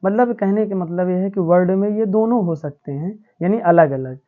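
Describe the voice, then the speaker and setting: A woman's voice: medium pitch, moderate pace. A woman teacher explaining English spelling rules to students in a patient, repetitive classroom manner. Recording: tinny phone-like audio.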